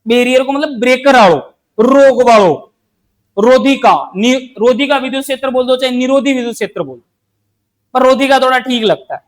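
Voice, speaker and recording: A man's voice: very high-pitched, fairly quick, rough recording. A man teaching a coaching class, repeating each question and answering it himself, with playful everyday analogies. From Rajasthan, India. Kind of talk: classroom lecture with call-and-response questions.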